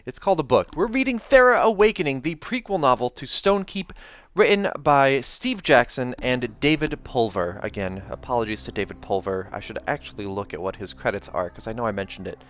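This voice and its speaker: With background music playing, a man hosts a read-aloud of a fantasy novel, narrating the story and tossing in casual asides. His medium-pitched voice is brisk and has lively intonation.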